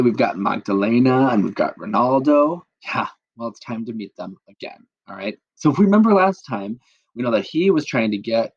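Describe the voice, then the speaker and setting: A man's voice: medium pitch, husky, dry recording, lo-fi sound. A man teaching a language lesson, narrating a story over slides and acting out the characters. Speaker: Spanish teacher.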